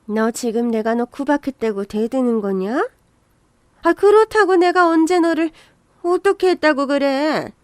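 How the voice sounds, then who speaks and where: A woman's voice: high voice, unhurried, no room sound. A woman voicing a bossy, scolding older mother-in-law who talks with harsh contempt.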